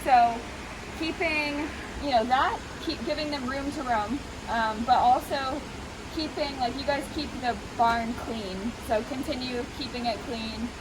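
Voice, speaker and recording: Higher-voiced woman talking through a face mask, noisy. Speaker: veterinary professional treating goats. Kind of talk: casual explanatory talk to camera. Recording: noisy, steady rushing background hiss.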